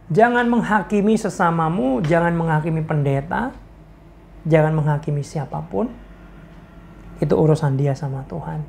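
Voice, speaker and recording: A woman's voice: low voice, creaky, warm tone, a little hiss or hum. A woman preacher from Indonesia giving a casual devotional talk, playful and laughing often as she speaks. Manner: playful, laughs often, mixes in English slang.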